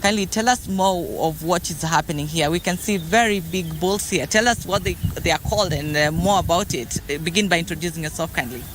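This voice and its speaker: A male field reporter with a Kenyan accent giving a live broadcast report, haltingly, repeating and searching for words. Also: fairly high pitch, fairly bright tone, a little hiss or hum, rough recording. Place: livestock show ground, live report.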